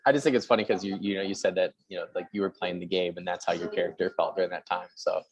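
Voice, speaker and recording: Fast-talking deep-voiced male host. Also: fairly even intonation. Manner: eager, lots of "yeah" and "you know". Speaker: podcast host. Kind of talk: casual interview chat.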